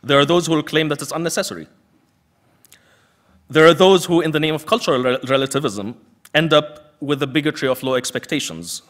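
A man's voice: fairly high pitch, fairly quick, a bit bright. Man giving an emphatic lecture. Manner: emphatic, rhetorical repetition. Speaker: panel speaker, activist. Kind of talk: prepared lecture speech.

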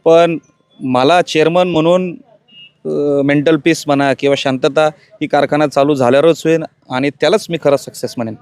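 A man answering interview questions as chairman in a measured, composed way. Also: a little high, steady tone, darkish tone, smooth, no room sound.

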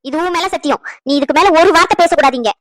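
A woman voicing an anxious middle-aged mother who keeps urging her son to stay quiet. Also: very high voice, fast talker, no echo, clean studio sound. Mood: pleading. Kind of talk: cartoon voice acting.

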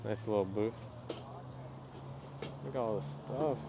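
Vlogger, male, low-pitched, relaxed chatty commentary, noisy outdoor market audio. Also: unhurried. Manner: relaxed, chatty running commentary while browsing. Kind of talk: casual vlog narration.

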